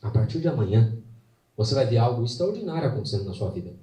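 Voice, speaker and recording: A man voicing God as a tender, fatherly figure who speaks softly and reassuringly. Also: medium pitch, very animated, fast, close to an everyday voice. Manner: soft, reassuring. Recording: roomy hall, mic at a distance.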